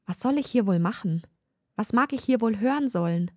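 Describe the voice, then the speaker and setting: A woman's voice: fairly high pitch, expressive, fairly quick, no room sound, studio quality. A woman voicing an anxious, longing young fir tree, speaking its wondering thoughts in a storybook reading. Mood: bewildered. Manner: wondering, hopeful inner thoughts.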